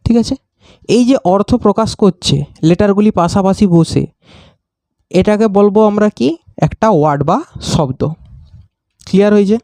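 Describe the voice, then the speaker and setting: A man teaching a grammar lesson, asking questions and answering them himself and repeating definitions slowly. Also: high-pitched, a little mellow, dry recording.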